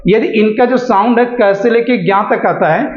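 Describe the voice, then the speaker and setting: A man teaching a beginners' English pronunciation lesson. He asks rhetorical questions and answers them himself, and he draws example words out slowly. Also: sits high. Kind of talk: classroom-style lesson explaining pronunciation. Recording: echoey room, dull lo-fi sound.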